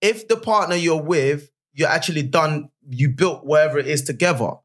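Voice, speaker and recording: A man's voice: a little high, moderate pace, fairly bright tone. A man with a London accent co-hosting a podcast, chatting casually in slang with frequent checking tags. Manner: repeats tags like "you know what I mean". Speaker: podcast co-host.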